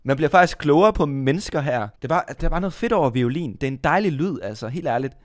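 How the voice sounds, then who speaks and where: A man's voice: a little high, expressive, dry recording, studio quality. A young man chatting casually to his viewers, playful and rambling, poking fun at himself. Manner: playful, rambling, self-mocking. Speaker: gaming YouTuber.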